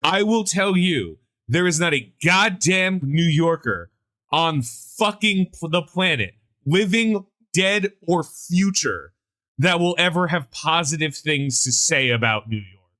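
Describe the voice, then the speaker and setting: A man co-hosting a casual pop-culture podcast, talking in an animated, sarcastic rant with frequent swearing. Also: on the high side, takes it slowly. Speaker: podcast co-host.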